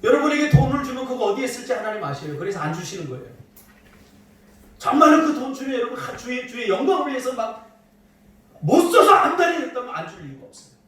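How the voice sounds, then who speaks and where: A man's voice: extremely high pitch, sing-song, quick pace, a bit bright. A middle-aged man preaching a sermon as pastor, with playful asides to the congregation. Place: church sanctuary. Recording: echoey church hall from a distant mic.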